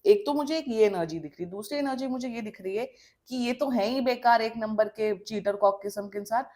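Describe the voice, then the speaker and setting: A woman's voice: on the high side, a little fast, warm tone. A woman from India giving a tarot reading, blunt and scolding with emphatic warnings, switching between Hindi and English mid-sentence. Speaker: tarot reader. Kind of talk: tarot reading monologue to camera.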